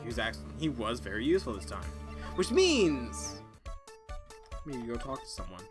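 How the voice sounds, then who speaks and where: A man voicing a young defense lawyer in a fan dub of a video game, speaking in a dry, thoughtful, slightly lowered tone over game music. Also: sing-song, normal speed, lightly acted. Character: young male defense lawyer, earnest, wry.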